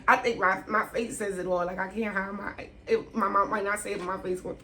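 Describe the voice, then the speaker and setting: A candid woman in her 30s vlogs from home, sitting down to answer questions in a loose, slangy way and laughing as she goes. Her mid-range voice stays fairly flat in pitch, fairly quick, with a bright, forceful tone. Faint room hiss sits in the background.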